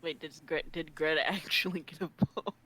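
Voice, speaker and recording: A woman's voice: sits low, steady tone, brisk, sharp tone, breathy edge. A woman chatting casually as a tabletop game player.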